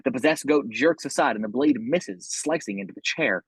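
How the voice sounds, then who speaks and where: A man with a husky voice reading scripted horror narration, describing the action scene by scene. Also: mid-range voice, lively intonation, normal speed, no room sound.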